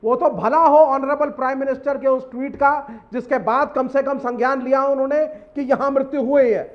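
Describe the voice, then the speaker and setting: A man's voice: very high voice, steady tone, normal speed, muffled recording. A man on a TV news debate panel, combative and talking over the others. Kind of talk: heated TV debate.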